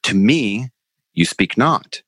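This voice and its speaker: A wary nobleman and soldier, read by a man podcaster, voiced low and measured. He reads declamatory Shakespeare verse in a dry, close recording with no room sound. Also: expressive, a bit bright, dry recording, heavily acted, poor audio. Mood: questioning. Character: Banquo, a nobleman and soldier questioning the witches. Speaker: podcast co-host. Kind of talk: informal dramatic reading of Shakespeare.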